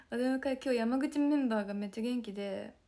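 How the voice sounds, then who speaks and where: A young woman with a hoarse, scratchy voice talks casually to her fans on a phone livestream, pitched a little high. She rambles in a soft, friendly way and often drops into a breathy whisper. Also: brisk. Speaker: idol group member streaming to fans.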